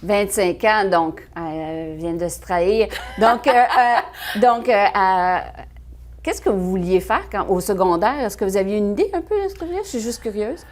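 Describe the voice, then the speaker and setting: A woman's voice: mid-range voice, normal speed. A woman interviewing a guest, asking curious questions in a playful way. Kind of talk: local radio interview.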